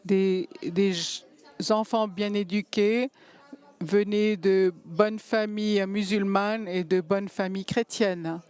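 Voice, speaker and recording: Slow, halting woman interpreting a talk. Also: medium pitch, steady tone, a little mellow, clean tone. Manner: halting, pausing to find words. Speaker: simultaneous interpreter. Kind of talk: simultaneous interpretation of a panel talk.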